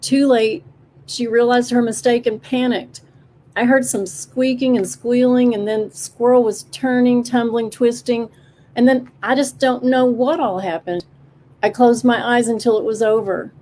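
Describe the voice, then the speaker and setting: A woman's voice: on the high side, steady tone, a little slow, warm tone, a little hiss or hum, pitched above the performer's own voice, lightly acted. A guilt-ridden woodchuck, as a woman reads him tells his tale in a gloomy, downcast way. His voice sits slightly above the narration. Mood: guilty. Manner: gloomy, muttering. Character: guilty, downtrodden male woodchuck. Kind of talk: storybook character voice.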